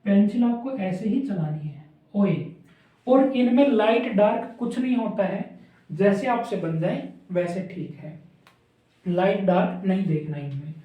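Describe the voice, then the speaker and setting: A man with a high, slightly slow voice teaches shorthand to a class, saying sounds aloud as he draws each stroke. It was captured from a distance in an echoey room, and the sound is dull.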